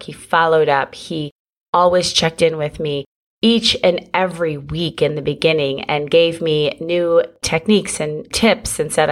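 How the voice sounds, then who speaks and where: Woman, middle-aged, low voice, podcast host, chatty, encouraging. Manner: chatty, encouraging, addresses listeners as friends. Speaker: podcast host and business coach. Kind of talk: solo podcast talk.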